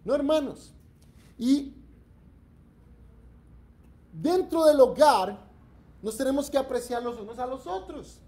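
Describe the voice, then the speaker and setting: Man, pastor, sermon, emphatic, earnest, high-pitched. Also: lively intonation, slow, pauses often, mellow. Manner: emphatic and earnest, acts out quoted voices. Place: church.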